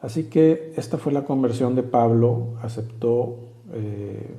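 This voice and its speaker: A man's voice: mid-range voice, slow, mellow, echoey room. A man giving a conversational Bible study sermon, explaining plainly, reading verses aloud and often checking in with his listeners. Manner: hesitant with frequent fillers and restarts. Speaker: Bible teacher.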